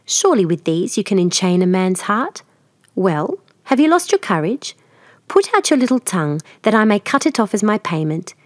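A woman's voice: mid-range voice, very animated, moderate pace, no echo, natural voice. A woman voicing a cruel, scheming old sea witch in a storybook reading, mocking and menacing.

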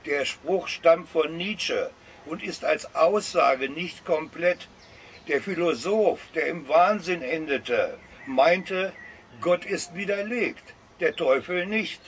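A man's voice: on the high side, a little hiss or hum. A man with a northern German accent reading a satirical column aloud, lecturing in a dry, ironic way. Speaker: columnist reading his own text.

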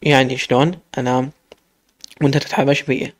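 A man's voice: mid-range voice, flat delivery, brisk, natural voice. A man with an Iraqi accent reading the lines of a shy, stubborn young bride.

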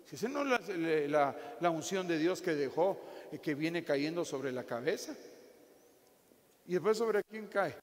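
A man's voice: a little high, unhurried. Joking preacher man in an echoey hall. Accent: Guatemalan Spanish. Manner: jokey, animated preaching with acted asides. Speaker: pastor. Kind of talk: sermon. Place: church hall. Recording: echoey hall with faint ambience.

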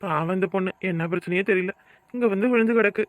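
A man's voice: high voice, fast talker, no room sound, lightly acted. A man with a southern Tamil Nadu accent voicing a kind-hearted young bachelor who frets and mutters to himself. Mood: fretful. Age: young adult. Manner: talking to himself, fretful asides. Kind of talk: cartoon voice acting.

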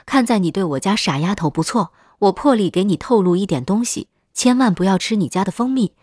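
A woman's voice: mid-range voice, animated, fairly quick, darkish tone, no room sound, lightly acted. Woman doing an old limping fortune teller guy, serious warning tone, dry close audio. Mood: grave warning. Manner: grave, warning. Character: old lame village fortune-teller man, grave.

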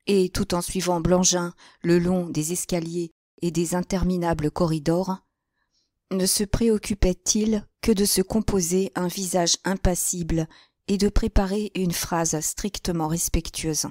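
A woman reading a classic crime novel aloud as an audiobook narrator. Her reading is measured and literary, in a lower voice. The close-miked sound is dry, with no room echo. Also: fairly even intonation, warm tone.

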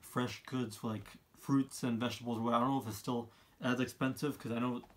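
A man, giving his opinions in a casual monologue, halting and often repeating himself as he rambles. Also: medium pitch, little pitch movement. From Canada. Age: 20s. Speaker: vlogger, college student. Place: small room indoors, seated by a wall.

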